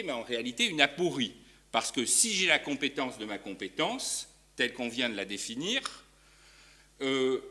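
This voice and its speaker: A man presents a law paper at an academic conference, thinking aloud as he goes. His voice is bright and forward, and his delivery is halting, with frequent fillers and self-corrections. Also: mid-range voice. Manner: hesitant, many fillers and restarts. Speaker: law professor. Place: university lecture hall.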